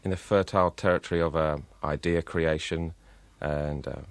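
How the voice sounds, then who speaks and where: A man with a very low voice, guesting as a design lecturer on a radio show. He speaks in halting bursts, padded with uh and um. The sound is dry and close. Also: fairly even intonation, no room sound. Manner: hesitant, many uh and um fillers, uneven pace. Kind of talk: radio interview answers. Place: radio studio.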